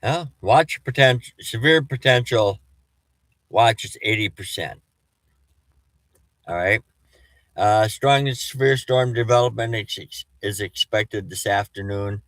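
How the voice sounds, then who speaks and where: A man giving a casual, rambling weather update as a storm chaser, with a halting delivery and s sounds that whistle through false teeth. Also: lowish voice, fairly bright tone, no room sound, low-quality recording.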